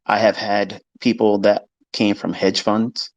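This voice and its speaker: A man's voice: fairly low pitch, little pitch movement, a little slow, dry recording, highs cut off. A man teaching trading on a live stream, talking in a blunt, emphatic way and swearing freely. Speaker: trading educator. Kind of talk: unscripted live-stream lecture.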